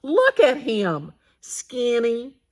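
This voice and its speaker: A woman voicing an excitable older village woman who shouts her news in a storybook read-aloud. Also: a little high, extremely slow, pitched above the performer's own voice, heavily acted. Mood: excited.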